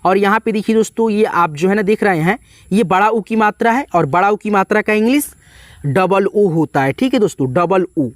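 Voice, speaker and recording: A man's voice: high voice, lively intonation, moderate pace, no echo. Male tutor, patient step-by-step spelling lesson, dry and close to the mic. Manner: spells letter by letter, repeats "ठीक है" and "दोस्तों". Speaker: English teacher.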